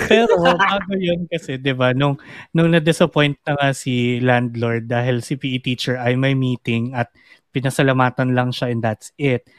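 A man's voice: medium pitch, moderate pace, no room sound. A Filipino man co-hosts a casual podcast, recapping episodes in a mid-range voice. He slips into the characters' lines as he retells them. The sound is dry and close, with no room behind it. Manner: animated retelling, acts out quoted lines. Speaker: podcast co-host. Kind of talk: casual chat recapping a series.

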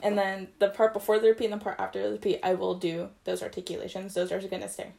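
She talks fast in a flat, mellow, mid-range voice with vocal fry. This young trumpet player teaches articulation basics in a casual video, chatty and self-correcting, explaining things loosely.

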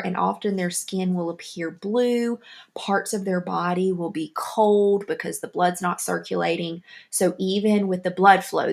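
Southern woman with a gravelly voice. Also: mid-range voice. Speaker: podcast host. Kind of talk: scripted podcast monologue.

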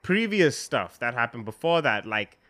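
A man's voice: medium pitch, big pitch swings, normal speed, pushed and bright, dry recording, clean studio sound. A young man co-hosting a podcast in casual, slangy chat, full of fillers and laughs. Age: young adult. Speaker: podcast co-host.

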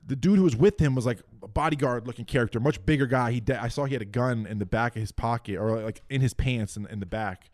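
A man's voice: medium pitch, fast, hardly any pauses, a little mellow, no room sound, clean studio sound. A young man, a guest music producer, telling a long story in casual podcast chat, swearing freely.

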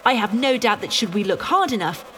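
A woman playing a sharp amateur detective in an audio drama, with a theatrical, declamatory delivery. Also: medium pitch, lively intonation, brisk, close to an everyday voice. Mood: righteous, condemning. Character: Ginger, sharp accusing amateur woman detective, loving beneath. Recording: long hall reverb.

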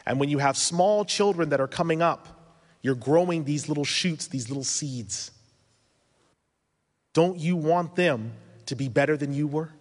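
In a reverberant conference hall, a man in his thirties gives an earnest religious lecture full of advice and rhetorical questions. His voice is a little high and a little slow, and he carries a foreign accent he mentions himself.

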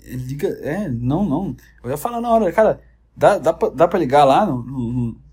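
Brazilian guy ranting jokey about a reality show, kinda high voice, rambles and curses. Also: very animated, moderate pace, warm tone, slightly rough. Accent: Brazilian Portuguese. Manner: rambling, profane, jokey storytelling. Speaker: vlogger. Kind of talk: comedic reality-show commentary.

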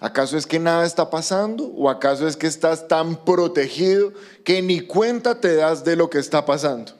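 A man preaching a sermon as pastor, animated and acting out quoted voices. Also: on the high side, moderate pace.

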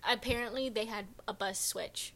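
A woman's voice: on the high side, normal speed, pushed and bright. A teenage girl co-hosting a casual podcast chat, joking, giggling and trailing off mid-sentence. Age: teens. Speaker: podcast co-host.

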